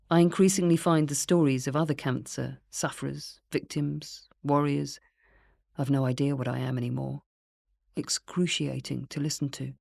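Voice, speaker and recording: A woman with a low, deep-set voice reads her own memoir aloud in a quiet, earnest, reflective way. The recording is close and dry, with no room sound. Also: creaky, no room sound. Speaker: memoir narrator. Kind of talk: first-person memoir reading.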